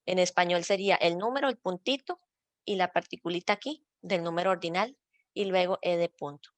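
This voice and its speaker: A woman's voice: on the low side, brisk, dry recording. A woman from Rica, a librarian patiently explaining citation rules step by step in an online workshop. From Costa Rica. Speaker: librarian teaching citation style.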